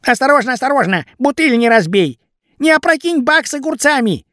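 A man voicing a shrill, fussy young woman who shrieks warnings down into a cellar in an audiobook. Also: sing-song, brisk, pushed and bright, no echo, clean studio sound, full character voice. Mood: shrill alarm. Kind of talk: audiobook character voice.

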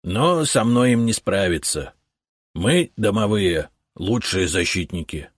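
A man's voice: on the low side, expressive, slow, husky, no room sound, clean studio sound, heavily acted. A man voicing a boastful, self-important male house spirit who talks bossily with "eh" fillers, in an audiobook. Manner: bossy, know-it-all, grumbling with 'eh' fillers. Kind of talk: audiobook character voice.

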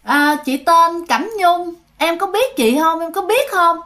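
A woman's voice: very high-pitched, animated, a little slow, bright, forceful tone, pitched above the performer's own voice, heavily acted. A woman with a Southern Vietnamese accent voicing a vain female ghost who possesses a village aunt, coy and preening, then snarling and taunting.

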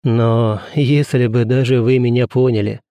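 A man reading the part of a gallant gentleman who speaks softly and sweetly, with coaxing tenderness and a touch of sad irony. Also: mid-range voice, measured pace, no echo, close to an everyday voice. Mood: earnest. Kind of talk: audiobook character reading.

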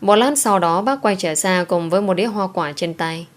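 A woman narrating a first-person story in a calm, measured reading voice. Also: on the low side.

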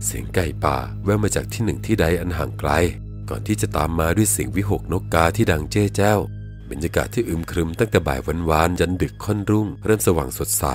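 A man with a very deep voice narrates a ghost story at a rapid clip. His first-person storytelling is vivid and dramatic, with faint music playing behind him.

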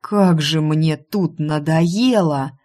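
A woman voicing a frightened young man who shouts at the things he fears. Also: a little high, steady tone, measured pace. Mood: fed up. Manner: shouting, exclaiming.

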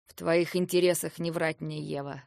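Woman reading as stern young male captor, quiet menacing questions, low insistent voice, dry close sound. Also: fairly even intonation, moderate pace, creaky, dry recording. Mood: quiet menace.

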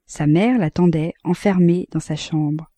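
A woman narrating an audiobook of a classic novel in a calm, measured way, close to the mic. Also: fairly low pitch, no echo. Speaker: audiobook reader.

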